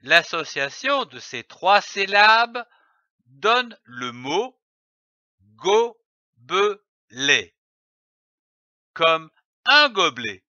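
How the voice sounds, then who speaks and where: A man teaching children to read, sounding out and spelling syllables slowly and carefully. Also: high-pitched, sing-song, sharp tone, dry recording, highs cut off. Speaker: reading teacher. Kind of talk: slow syllable-by-syllable reading lesson.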